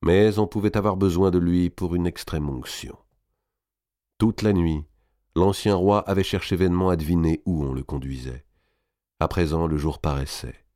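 A man reading a historical novel aloud in a measured, even storytelling manner. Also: sits low, dry recording, studio quality. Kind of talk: audiobook narration.

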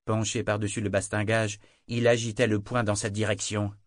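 A man narrates a fantasy novel in a low, even voice. The reading is measured and steady. The recording is dry and close, with no room sound. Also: dry recording. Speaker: audiobook narrator.

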